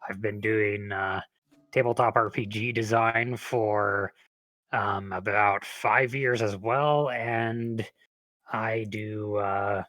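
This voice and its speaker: Guy guesting on a podcast, talks really slow, dry close sound, kinda unsure of himself and laughs at his own stuff. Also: fairly low pitch, a bit bright, no room sound. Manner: hesitant, self-deprecating, laughs often. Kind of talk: casual chat.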